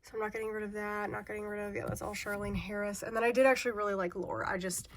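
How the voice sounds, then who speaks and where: A booktuber in her thirties talks to the camera at home while sorting her bookshelves, rambling chattily and laughing often. She is sick and sounds congested, speaking quickly with medium pitch and a flat delivery.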